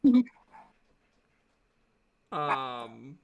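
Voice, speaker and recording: A man's voice: medium pitch, big pitch swings, drawn-out words, clear, resonant tone, phone-quality sound. A man narrating as dungeon master of a tabletop game, hesitant and full of fillers. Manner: hesitant, many fillers and restarts.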